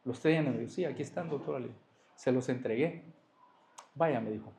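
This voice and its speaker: A man's voice: medium pitch, fairly quick, a little mellow, slight background noise. A man giving a church testimony, telling his story and acting out both sides of a conversation. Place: church hall. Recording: echoey church hall.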